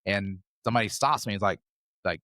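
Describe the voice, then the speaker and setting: This American podcast guest, a man in his fifties, strings together travel anecdotes in a rambling, conversational interview. His lowish voice has a sharp tone and moves a little fast. The recording is dry and clean, with studio sound.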